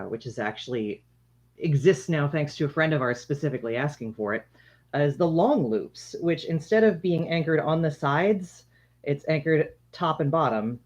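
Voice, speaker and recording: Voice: medium pitch, a little mellow. A livestream host giving a casual product demonstration in a conversational, explanatory way, speaking to viewers. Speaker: livestream host demonstrating handmade face masks. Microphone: shared microphone, sometimes turned away from it. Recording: dull lo-fi livestream audio.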